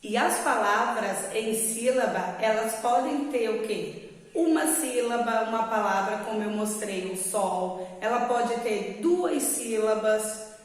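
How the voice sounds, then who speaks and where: A Brazilian woman teaching a lesson to young children, explaining slowly and patiently and often asking whether they follow. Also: fairly high pitch. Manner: slow, patient explaining with checking questions. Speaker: primary school teacher. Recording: very echoey room with long reverb.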